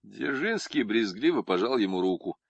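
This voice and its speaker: A man narrating an audiobook in a lively, expressive reading. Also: fairly low pitch, normal speed, vocal fry, no echo.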